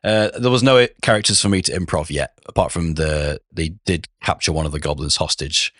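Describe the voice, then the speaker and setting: A very low-voiced man, hoarse and rough from a sore throat, chatting on a podcast. He rambles along with lots of restarts. The sound is close and dry, with no room around it. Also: brisk, fairly bright tone, dry recording. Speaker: podcast co-host, game master. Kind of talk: casual chat.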